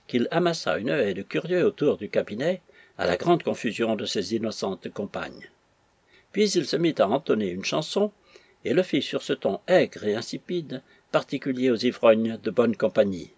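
A man reads a classic novel aloud in measured scripted narration with a light touch of irony. His voice is husky and of middle pitch. The recording is dry and close, with no room sound. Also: a little mellow, dry recording. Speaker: audiobook narrator.

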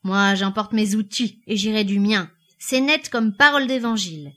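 A woman reading aloud, voicing a brash, drunken young male hay-trusser in a loud, mocking, swaggering way. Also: medium pitch, moderate pace, close to an everyday voice.

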